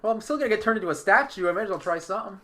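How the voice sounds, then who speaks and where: A man playing a tabletop role-playing game, planning his moves in a joking, profane, animated way. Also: sits high, rapid-fire. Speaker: player. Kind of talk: casual tabletop game play.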